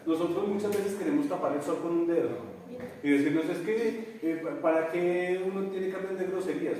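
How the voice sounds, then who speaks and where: A man with a Colombian accent teaching English in a classroom, animated and addressing his students with local slang. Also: a little high. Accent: Colombian Spanish. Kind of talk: classroom lesson. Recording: echoey classroom, from far off.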